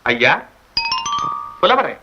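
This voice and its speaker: A man's voice: mid-range voice, sing-song, extremely slow, music in the background. A young man in a school play, playing a proud, stern male court poet who speaks in lofty, reproachful formal tones. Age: teens. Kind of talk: school stage play acting. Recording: dull lo-fi stage recording.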